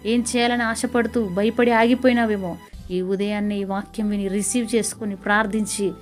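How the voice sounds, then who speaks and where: A woman's voice: medium pitch, steady tone, normal speed. A woman preacher gives a fervent devotional morning sermon, rising to emphatic exhortation. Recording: soft music underneath.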